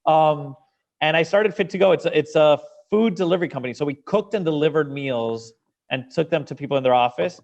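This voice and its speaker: Venezuelan guy telling his founder story, kinda high voice, stumbles and restarts a lot, dull lo-fi audio. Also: brisk, creaky. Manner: animated, repeats words as he restarts sentences. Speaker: guest, business founder. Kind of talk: interview conversation.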